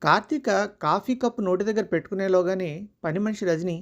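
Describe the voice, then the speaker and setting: A storyteller reads a short family story in a steady, unhurried way. The delivery stays mid-pitched and even throughout. Each line is read as plain scripted narration. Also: muffled recording.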